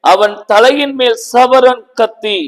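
A male preacher acting out a grieving childless woman who pours out a desperate, pleading prayer. The voice sits high and moves slowly, and a long reverb trails behind each phrase. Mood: solemn pleading.

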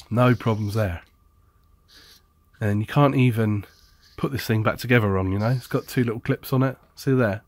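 A man's voice: on the low side, dry recording. Blunt, chatty repairman. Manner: blunt, chatty, jokey and sarcastic. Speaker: appliance repair technician. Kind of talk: casual how-to demonstration.

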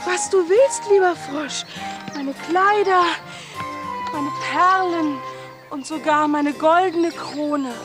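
A bossy girl in a radio play, pitched high and quick to grumble while she plays a princess. Clear music sounds behind her. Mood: lamenting. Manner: bossy and impatient.

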